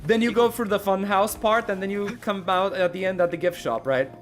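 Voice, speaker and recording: A man streaming and reacting to a game, excitable and casual, swearing and talking to his chat as bros. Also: high-pitched, fairly quick. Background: game music.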